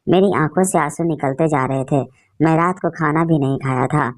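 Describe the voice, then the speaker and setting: A woman narrating an emotional story in a steady, feeling storytelling manner. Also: deep voice, normal speed.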